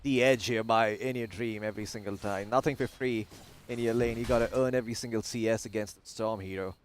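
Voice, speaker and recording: A man's voice: lowish voice, fairly even intonation, a little fast, slight background noise. A man casting a live esports match, chatty and jokey, with self-deprecating asides. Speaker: esports caster. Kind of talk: live game commentary.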